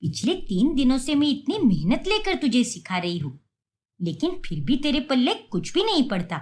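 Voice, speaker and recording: A woman voicing a strict, sarcastic middle-aged mother in an animated story. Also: high voice, moderate pace. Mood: scolding. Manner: nagging, sarcastic.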